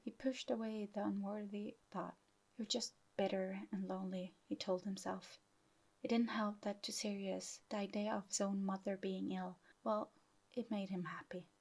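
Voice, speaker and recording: A woman narrating a fan fiction audiobook in a soft, half-whispered delivery. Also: mid-range voice, flat delivery, moderate pace, creaky, poor audio.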